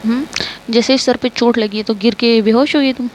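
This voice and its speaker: A woman's voice: on the high side, steady tone, moderate pace, slight background noise, natural voice. A woman voicing a stern, protective young woman who scolds and orders her friend to rest, in a storybook reading. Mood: scolding. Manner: scolding, bossy.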